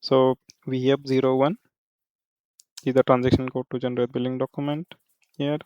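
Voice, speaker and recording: Step by step and somewhat haltingly, a software trainer leads a screen walkthrough, peppering it with repeated check-in tags. His smooth, mid-range voice is delivered flatly, and the audio is dull with no echo.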